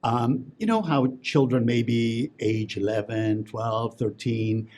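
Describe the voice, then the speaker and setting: This is a male interview guest with a medium-pitched, slightly mellow voice and a slow pace, recorded with a little hiss or hum. He chats casually, telling stories with lots of fillers and restarts.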